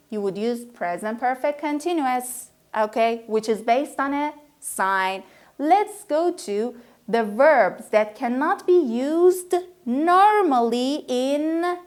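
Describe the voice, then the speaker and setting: A woman teaching an English grammar lesson, repeating example sentences and often checking in with "okay?". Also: high voice.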